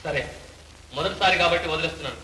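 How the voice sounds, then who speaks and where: An actor playing a stern official who scolds young offenders in a brisk, sharp manner. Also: male voice, a little high, reverberant, far from the mic, a little hiss or hum, rough recording.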